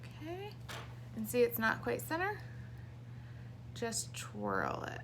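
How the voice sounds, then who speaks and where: A woman's voice: on the high side, wildly swooping pitch, slow pace, fairly bright tone, slight background noise. A woman in her thirties, heavily pregnant and short of breath, giving a casual hands-on craft tutorial to camera. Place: small indoor craft room.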